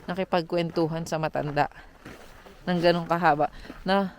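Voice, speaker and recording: A woman's voice: fairly low pitch, moderate pace, a little hiss or hum. A woman in her thirties from the Philippines, a mom and vlogger chatting casually and telling stories with lots of laughter. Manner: chatty, animated storyteller who laughs often. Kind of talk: casual storytelling vlog.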